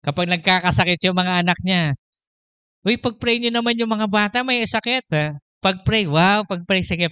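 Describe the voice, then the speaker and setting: A man's voice: on the high side, sharp tone, clean tone, no room sound. A man preaching a sermon as pastor, telling a personal story, moving between Tagalog and English and laughing often. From Philippines.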